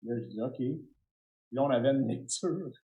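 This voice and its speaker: A middle-aged man with a Québécois French accent, a guest telling stories in an interview, animated and stumbling over restarts. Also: medium pitch, moderate pace, low-quality recording. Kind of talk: storytelling interview.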